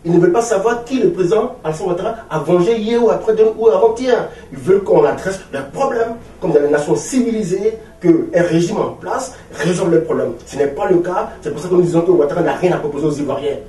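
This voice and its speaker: This opposition party leader from Ivory Coast, a man in his forties, talks fast and animated with almost no pauses, his high-pitched voice carrying a dark tone. In the interview his Ivorian French accent comes through as he hammers home points with repeated, rhetorical phrasing. The recording sounds roomy, picked up from afar with slight noise.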